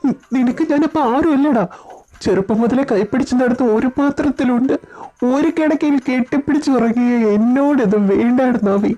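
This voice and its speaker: A woman voicing a hurt, jealous young male best friend in an audio story drama, in a high, accusing voice. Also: a little fast, dark tone, lo-fi sound. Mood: wounded. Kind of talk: audio story drama with one reader voicing all roles.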